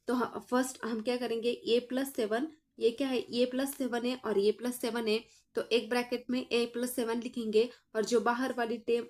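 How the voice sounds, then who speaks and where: A woman teacher with a fairly high voice works through a math lesson one step at a time. She keeps asking her students what comes next and answers right away, in a patient, explaining tone. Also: a little mellow. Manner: explains aloud, asks the class questions and answers them herself; addresses students as children.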